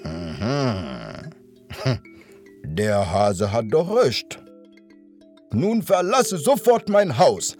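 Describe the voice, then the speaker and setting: A man's voice: mid-range voice, sing-song, extremely slow, pauses often, darkish tone, faint music behind, pitched above the performer's own voice. A man voicing a stately lion king in a storybook tale, speaking in a commanding way. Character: lion king, stately older male ruler.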